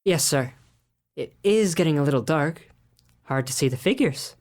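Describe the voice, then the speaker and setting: A man's voice: fairly high pitch, lively intonation, moderate pace, a little mellow, lightly acted. A man playing a meek, humble male clerk in a student radio drama, deferential and eager to please.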